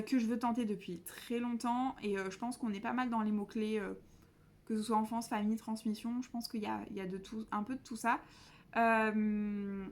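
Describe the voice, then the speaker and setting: A young woman chatting casually as a book vlogger, self-mocking and rambling, with many fillers and restarts. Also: medium pitch. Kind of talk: casual chat.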